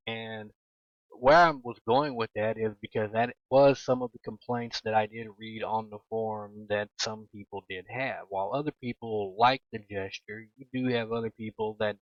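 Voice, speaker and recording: A man's voice: fairly low pitch, no echo, dull audio. A man giving casual gameplay commentary as a gaming YouTuber, ranting in an exasperated tone and repeating his points for emphasis.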